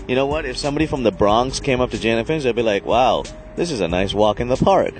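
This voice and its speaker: A man from Sri Lanka talking casually in an interview, animated and proud, rambling with fillers. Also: medium pitch, fast talker, soft background music, rough recording. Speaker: interviewee, local resident.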